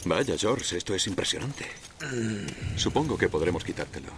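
An actor with a Castilian Spanish accent playing a calm soldier tending a comrade in a dubbed war film, reassuring and unhurried. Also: male voice, sits low, noisy background.

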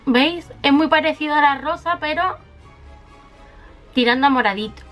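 Mujer española charlatana, voz aguda. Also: female voice, high-pitched, moderate pace, fairly bright tone, soft background music. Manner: chatty, fond of diminutives, shows each item. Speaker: beauty vlogger. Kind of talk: makeup haul video.

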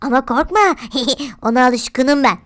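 A woman's voice: high voice, steady tone, measured pace, a bit bright, voice pushed up. A woman voicing a creepy, demanding baby who whines, sulks and taunts. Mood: taunting.

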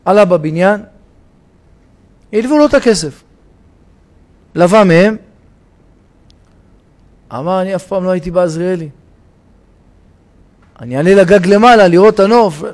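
A rabbi giving a sermon in a synagogue, telling a parable with dramatic shouts and changes of voice. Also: male voice, high voice, pauses often. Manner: dramatic storytelling, shouting the parable's cries for help.

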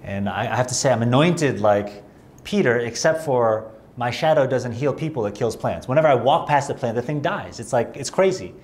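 A man preaching a sermon in a conversational way, mixing emphatic rising lines with self-deprecating humor. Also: normal speed. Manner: animated, rising emphatic pitch.

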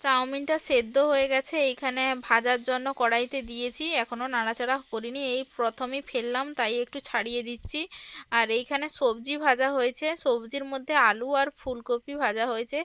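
Woman chatting away to her viewers about her day at home, gentle and chatty, high smooth voice, dry close sound. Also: no echo. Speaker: home vlogger. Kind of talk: casual devotional home vlog narration. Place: home kitchen.

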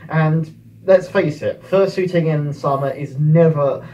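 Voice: medium pitch, measured pace, mellow, highs cut off, slight background noise. British fursuiter talking inside a costume head. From United Kingdom. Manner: chatty, playful, rambling with fillers. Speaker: fursuiter vlogger. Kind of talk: casual comedic vlog. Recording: distant voice with background music.

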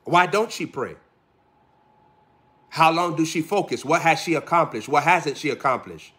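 Preacher guy, fairly high bright voice, hammering repeated lines and questions at the crowd. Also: animated, normal speed. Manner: preaching with rhythmic repeated phrases and pointed questions. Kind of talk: sermon.

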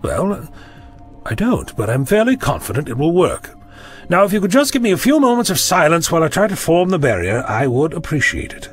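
A man's voice: a little high, big pitch swings, brisk, faint music behind. A man playing an eccentric time traveller in a sci-fi audio drama, theatrical and polite in his wordy speech. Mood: calm, confident. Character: eccentric male time-travelling Doctor, polite and stubbornly confident.

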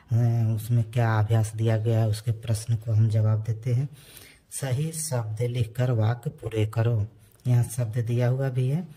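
Male teacher for a children's lesson, dark and husky tone, slow and patient. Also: medium pitch. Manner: slow, patient, repeats questions and answers. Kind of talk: classroom lesson for young children.

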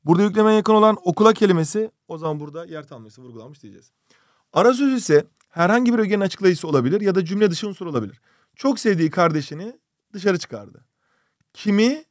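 A male teacher gives an online exam-prep grammar lesson, explaining step by step, asking rhetorical questions, and reading out student questions from cartoons. His voice sits high and sounds animated at a quick pace, in a dry, studio-quality recording.

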